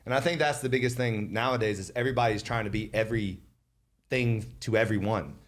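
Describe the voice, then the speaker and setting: A man's voice: on the low side, a little fast. A man hosting a podcast, talking casually and emphatically, repeating words for stress. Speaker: podcast host.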